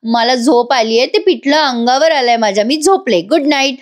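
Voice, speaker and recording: A teasing, sharp-tongued young wife, put on by a woman narrator. She talks back with quick, sassy retorts. Her voice sits fairly high. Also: natural voice.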